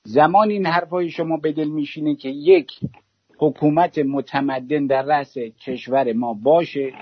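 A man's voice: on the high side, fairly even intonation, slightly rough, dry recording. A man from Iran calling in to a talk show and ranting with fiery sarcasm, like he is making a speech. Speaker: caller. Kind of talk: impassioned call-in rant. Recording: dull dry call-in audio.

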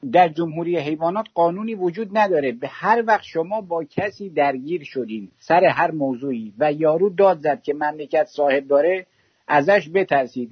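An Iranian man phones in to a talk show and launches into a fiery, sarcastic rant delivered like a speech. His voice sits a little high with a breathy edge, and the call-in audio is dull and dry with no room sound.

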